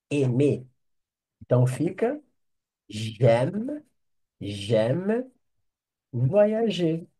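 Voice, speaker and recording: A man's voice: mid-range voice, dark tone, breathy edge. A Brazilian man with a Brazilian Portuguese accent teaching an online French lesson, patiently drilling phrases and checking with "ok?".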